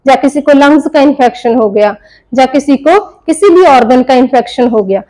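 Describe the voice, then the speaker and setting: Teaching a nursing class, an Indian tutor walks through the material step by step and answers her own questions in a lecture delivered in Hindi mixed with English terms. Her high voice has lively intonation and a dark tone at a normal speed. The audio quality is poor.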